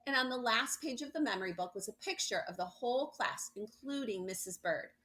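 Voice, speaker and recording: A woman reads a children's picture book aloud with lots of expression, adding asides and stressing words for young listeners. Her voice is a little high and sharp in tone, expressive and a touch fast.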